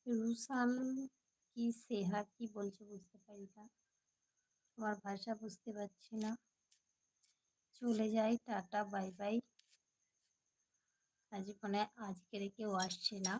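A woman hosting a casual live stream at home at night, hoarse from a cold, chatting with viewers and answering their comments. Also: medium pitch, little pitch movement, slow, long pauses, a little mellow, rough recording.

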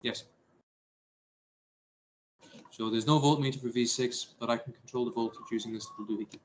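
A man's voice: mid-range voice, steady tone, fairly quick, a little hiss or hum, rough recording. Jokey male science teacher in class. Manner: jokey, self-deprecating, chatty asides. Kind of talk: classroom lesson with a simulation.

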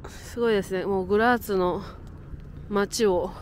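A woman's voice: mid-range voice, steady tone, moderate pace, very noisy. A woman, chatting to her camera as she walks around a city outdoors, laughing often. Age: 30s. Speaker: travel vlogger. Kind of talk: casual travel vlog narration. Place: outdoors in a windy, cold city.

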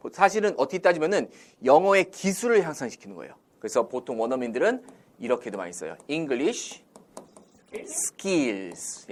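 A man teaching English in Korean, drilling phrases with call-and-response questions and acting out example lines. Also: on the high side. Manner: acts out Korean example sentences in a lively voice. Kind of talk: classroom-style language lesson.

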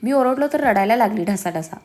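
A woman's voice: fairly high pitch, lively intonation, quick pace, darkish tone, natural voice. A woman voicing a young husband in a storybook, fond and teasing but easily exasperated.

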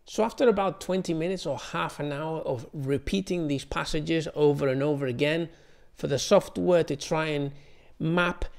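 A man presents a software tutorial in casual, explanatory talk. His voice is slightly high for a man, with a strong gravelly fry running through it.

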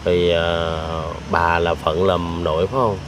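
A male host, asking gentle, sympathetic interview questions. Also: low-pitched, little pitch movement, unhurried, a loud crowd. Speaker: charity show host interviewing.

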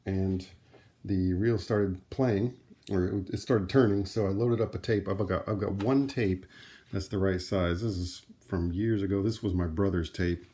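A middle-aged man, a vlogger and vintage audio hobbyist, gives a casual, unscripted demo indoors in a room at home, thinking aloud conversationally as he handles things. His voice is deep and mellow, fairly even in intonation, and unhurried.

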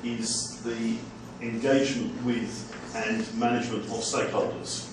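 A lecturer speaking up from the audience in a small seminar room, measured and hesitant with frequent ums. He sounds distant and very echoey. A clear hiss runs underneath. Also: medium pitch, level tone. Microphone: far room camera mic.

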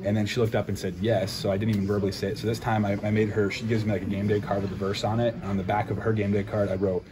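Young male athlete, low-ish voice, rapid upbeat postgame answers, noisy room. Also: level tone. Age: young adult. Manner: upbeat, grateful, talks quickly. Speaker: college football punter. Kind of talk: postgame press interview. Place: busy postgame interview area indoors. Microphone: handheld recorders and phones held close.

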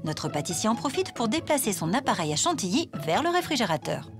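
Lively female voice-over narrator. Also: fairly high pitch, brisk. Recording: voice-over with music bed.

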